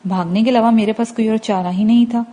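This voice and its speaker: A woman's voice: a little high, fairly even intonation, lightly acted. A woman reading aloud and voicing a headstrong, mocking young female student in an audiobook. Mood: teasing. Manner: sharp-tongued, mocking.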